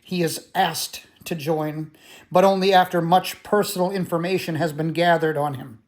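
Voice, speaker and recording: A man reading a nonfiction book aloud as an audiobook narrator, in a steady, measured way with the odd restart. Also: fairly high pitch. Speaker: audiobook reader.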